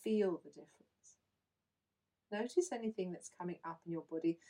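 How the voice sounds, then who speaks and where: A woman leading a guided visualization in a slow, soothing, instructive way. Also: on the low side, warm tone. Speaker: meditation guide.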